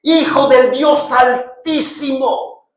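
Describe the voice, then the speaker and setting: A man preaching voices a tormented demon spirit, crying out slowly and loudly as he retells the scene, in a roomy, echoing space. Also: very high-pitched, steady tone, slight background noise, voice pushed up, heavily acted. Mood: pleading. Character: tormented male demon spirit, pleading and shouting.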